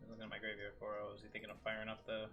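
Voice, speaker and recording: Bright-voiced man muttering through gameplay. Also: lowish voice, monotone, very fast, faint music behind. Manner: muttering thoughts aloud, dry asides. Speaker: gaming video host. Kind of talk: casual gameplay commentary. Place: room at home with window open.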